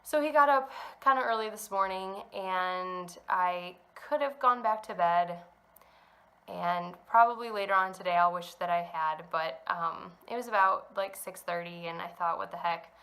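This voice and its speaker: A young woman hosting a knitting podcast chats casually to camera from home, her lowish voice bright and clear at a normal speed despite a rough recording. She's slightly congested, still getting over a cold, and rambles from thought to thought with many ums.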